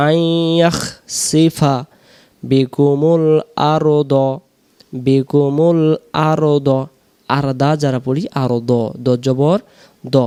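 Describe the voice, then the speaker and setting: Man teaching slow, careful Quran recitation. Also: medium pitch, darkish tone, clean tone. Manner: slow drawn-out recitation alternating with quick explanations.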